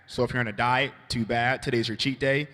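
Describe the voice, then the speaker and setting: A man's voice: mid-range voice, fairly even intonation, fairly quick, sharp tone. A man emceeing a comedy show, introducing acts and making announcements in a loose, chatty way. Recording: reverberant hall with faint noise.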